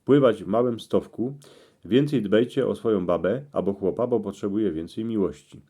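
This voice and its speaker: Man, low mellow voice, Cieszyn Silesian accent, dialect read-out, short clipped phrases. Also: normal speed, husky. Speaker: presenter explaining dream meanings. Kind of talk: reading out dream interpretations in dialect.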